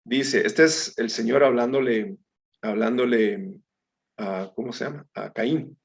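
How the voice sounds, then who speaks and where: A mid-range male voice with vocal fry, a little slow, guides a conversational Bible study. Calling the group brethren, he reads scripture out loud and makes small mistakes as he goes. The recording sounds dull and lo-fi.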